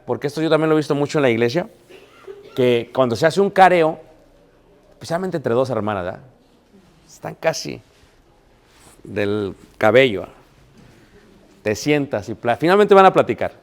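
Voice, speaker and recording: A man delivers a sermon as a preacher, mid-pitched for a man. He keeps it conversational, acting out quoted dialogue in his stories and asking the congregation rhetorical questions. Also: animated, moderate pace, long pauses.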